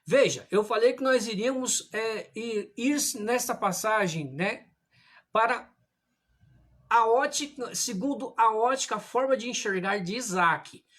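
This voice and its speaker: A man preaching a livestreamed sermon indoors, reading scripture aloud in a measured way and calling his listeners brothers. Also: sits high, a bit bright. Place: indoor room at home, religious images behind him. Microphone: livestream camera.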